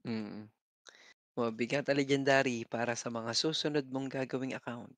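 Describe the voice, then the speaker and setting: Laughing gamer, dry sound. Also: male voice, mid-range voice, fairly even intonation, moderate pace, a bit bright, no room sound. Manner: laughs often, swears, code-switching banter. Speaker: gamer co-host. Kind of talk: casual gaming chat.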